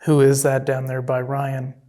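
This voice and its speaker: A paranormal investigator calmly coaxing and questioning an unseen presence during a night investigation. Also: medium pitch, unhurried.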